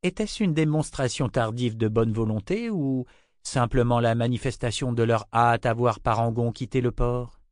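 A man's voice: medium pitch, normal speed, a little mellow, no room sound, clean studio sound. A man narrating a novel as an audiobook, reading with voices for each character.

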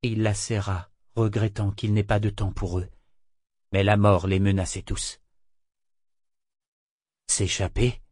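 A man narrating a novel as an audiobook in a measured, steady reading. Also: lowish voice, no echo, studio quality.

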